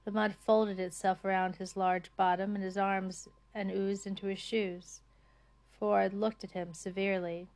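Woman narrating with measured dryness. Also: medium pitch, level tone, darkish tone. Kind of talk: scripted narration of a comic novel.

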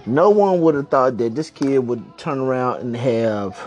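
A man's voice: medium pitch, animated, measured pace, a little mellow, soft background music. A man hosting a casual podcast from home, rambling along in slang and swearing freely. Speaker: podcast host. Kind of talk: casual chat.

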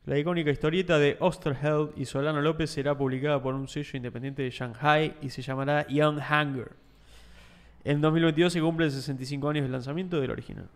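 A man's voice: fairly high pitch, steady tone, fast. An Argentine man co-hosting a podcast, explaining things in casual slangy chat. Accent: Argentine Spanish. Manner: explanatory, loose slangy talk. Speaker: podcast co-host.

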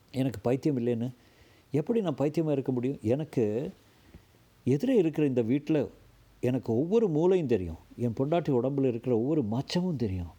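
A man narrating a dramatic story aloud, acting out each character's lines in his own voice with pitch shifts. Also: warm tone, slightly rough.

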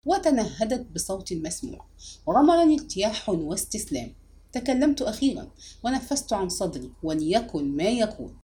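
Expressive woman reading an audiobook. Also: mid-range voice, normal speed. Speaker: narrator.

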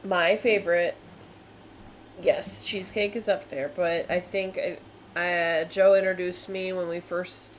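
A young woman co-hosting a casual podcast, chatting in a relaxed, easily amused way. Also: fairly low pitch, a little slow, slight background noise, poor audio. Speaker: podcast co-host. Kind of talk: casual chat.

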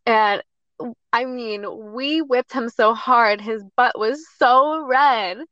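A woman guesting on a podcast, telling a story in an animated way and laughing often. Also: fairly high pitch, slow, dry recording, lo-fi sound.

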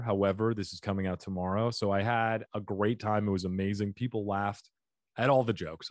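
A man's voice: lowish voice, dry recording, studio quality. A man hosting a comedy podcast in a campy, theatrical, playful way, drawing out his words. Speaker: podcast host. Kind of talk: comedy advice podcast intro and banter.

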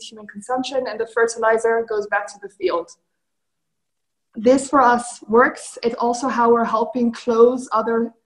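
A woman with a fairly high voice gives a prepared business pitch. She speaks as a founder presenting to a panel, laying out her points in a structured, explanatory way. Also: rough recording.

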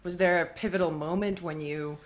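A woman hosting a podcast interview, chatty and animated, who grew up in Africa and Russia. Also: lowish voice, fairly quick. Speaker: podcast host. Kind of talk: scripted intro then casual interview.

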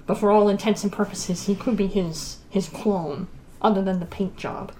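Halting woman running a tabletop game. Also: mid-range voice, steady tone, mellow, slight background noise, low-quality recording. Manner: halting, searching for words. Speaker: game master. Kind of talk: improvised tabletop game narration.

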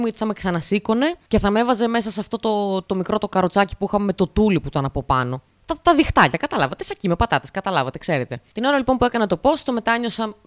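A woman's voice: medium pitch, dry recording, clean studio sound. A young woman from Greece hosting a casual solo podcast, rambling and sarcastic as she tells stories. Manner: chatty, rambling and sarcastic, with put-on voices for quotes. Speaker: podcast host.

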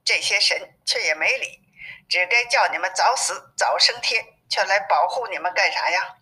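A woman's voice: medium pitch, normal speed, sharp tone, lightly acted. Woman reading as a cheeky boastful monkey king. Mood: teasing. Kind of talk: storybook reading. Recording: narrow phone-like sound.

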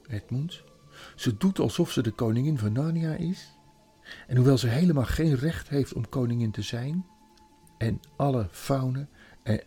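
A man voicing an excited young girl, earnest and eager, with a husky, gravelly tone. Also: medium pitch.

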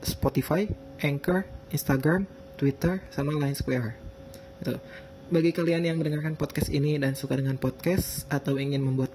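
A man's voice: on the high side, dark tone, a little hiss or hum. A man hosting a casual solo podcast, informal and hesitant, with a speech impediment that blurs his R sounds. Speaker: podcast host.

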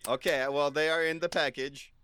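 A man's voice: fairly high pitch, steady tone, moderate pace, a bit bright, slight background noise, natural voice. A man doing a goofy, punning waiter. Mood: playful. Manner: silly, wordplay-loving, playful. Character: goofy male restaurant waiter. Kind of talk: improv comedy scene.

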